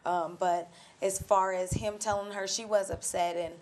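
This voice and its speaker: A woman in her twenties from Denver, answering interview questions hesitantly with many pauses. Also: medium pitch, fairly even intonation. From Denver, Colorado. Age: 20s. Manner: hesitant, many ums, soft-spoken. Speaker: guest.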